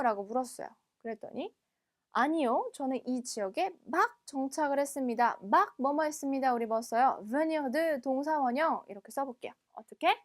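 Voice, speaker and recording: A woman with a high voice leads a textbook French lesson. She explains each phrase patiently. She reads the French aloud slowly and clearly, often twice. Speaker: French teacher.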